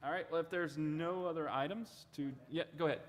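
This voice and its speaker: A man's voice: on the high side, fairly even intonation, a little fast. Tired texas guy walking council thru the budget, long echo in the chamber. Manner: tired, conversational. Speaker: city staff presenting budget. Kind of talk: budget presentation.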